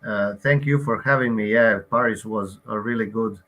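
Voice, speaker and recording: Man from Croatia, game co-founder, online pitch, hesitant, lots of fillers. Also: normal speed, a bit bright.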